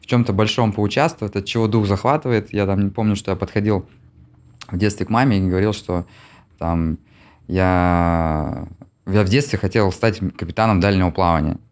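A man in his forties from Russia, an interview guest who answers reflectively with many pauses and filler sounds. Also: low-pitched, a little mellow. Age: 40s. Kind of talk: casual conversation.

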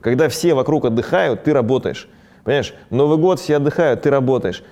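With a dark, mellow, mid-range voice, a man who owns a ski resort describes his business as if answering an interviewer. He talks fast and conversationally, peppering his speech with small fillers and restarts.

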